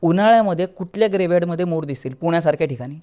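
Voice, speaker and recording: A man with a Marathi accent recounts a real haunted experience as a podcast guest. His voice sits fairly high, and he drops it low and quiet when he acts out what people said. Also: lively intonation, very fast. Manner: storytelling, acting out dialogue in a lowered voice. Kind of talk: telling a horror experience.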